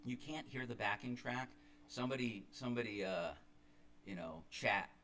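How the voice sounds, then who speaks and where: A man's voice: medium pitch, normal speed, sharp tone, a little hiss or hum. A middle-aged man, a singer-songwriter, telling the story behind a song between numbers of a livestream concert, rambling with many fillers and restarts. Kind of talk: casual storytelling between songs.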